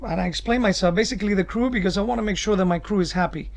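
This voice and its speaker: A man answering interview questions as a cruise director, explaining things emphatically in deliberate phrases. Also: sits high, creaky.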